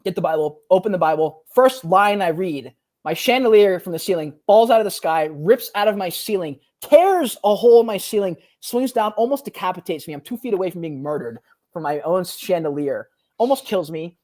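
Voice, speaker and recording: A young man talks as a podcast guest, in a loose, slangy storytelling way. He acts out the other people in his story, and his pitch swings a lot as he does. He speaks in casual conversation rather than from a script. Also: a little fast. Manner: animated, slangy, says "bro" often, acts out quotes.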